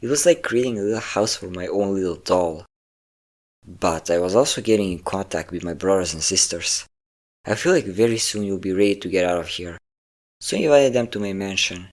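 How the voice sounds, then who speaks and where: Speaking briskly in a low-pitched voice, a man performs a centuries-old vampire addressing his captive in an intimate, scripted audio roleplay. The character is possessive but doting, and he coaxes the listener with teasing endearments.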